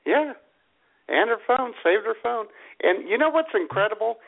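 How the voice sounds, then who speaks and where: This podcast co-host's voice is high and animated, with vocal fry, at a moderate pace, as he keeps the casual chat going, ribbing his partner and laughing a lot. The audio comes across tinny, like a phone.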